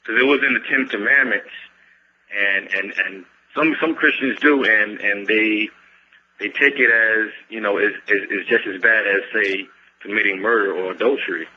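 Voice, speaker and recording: A man's voice: on the low side, moderate pace, breathy edge. A man calling into a radio show with a question, stumbling and repeating words as he talks, his voice coming in over the call. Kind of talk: phoning in a question. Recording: dull phone-line sound with faint hiss.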